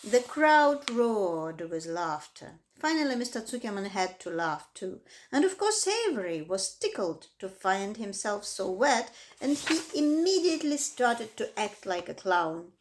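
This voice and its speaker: A woman reading a children's book aloud with expressive, dramatic emphasis. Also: mid-range voice, measured pace, few pauses. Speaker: reader. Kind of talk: storybook read-aloud.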